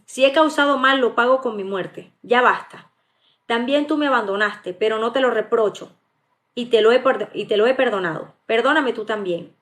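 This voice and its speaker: A woman's voice: on the high side, moderate pace, a bit bright, lightly acted. A woman reading the part of a feverish, passionate dying young woman in a live audiobook, with stumbles and restarts. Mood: pleading. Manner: read aloud plainly, with stumbles and restarts.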